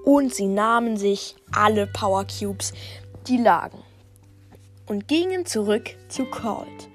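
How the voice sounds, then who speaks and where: A woman hosting and narrating an improvised storytelling podcast in a relaxed manner. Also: medium pitch, slow pace. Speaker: host and narrator. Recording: faint music behind the voice.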